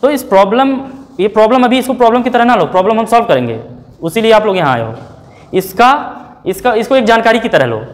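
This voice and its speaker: A man teaching a classroom lecture, breaking words down letter by letter in a slow, deliberate way. He keeps turning to his students with rhetorical questions and pushes them to answer. His delivery is that of a teacher talking to a room of learners. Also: high-pitched, lively intonation. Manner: spells words out slowly, sound by sound. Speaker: English teacher.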